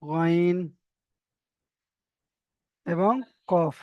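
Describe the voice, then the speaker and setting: Man, reading teacher, patient drilling, smooth clear voice, dry close sound. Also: fairly high pitch, steady tone, dry recording, highs cut off. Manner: patient, slow, repeats letters for drilling. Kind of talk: online reading lesson, correcting students.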